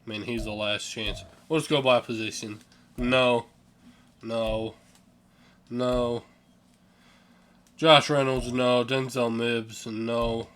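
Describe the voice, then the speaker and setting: A man's voice: medium pitch, little pitch movement, takes it slowly, long pauses, a bit bright. A young man giving casual, offhand commentary over a sports video game, yawning and sleepy, swearing now and then and stumbling over names. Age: young adult. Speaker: gaming channel host.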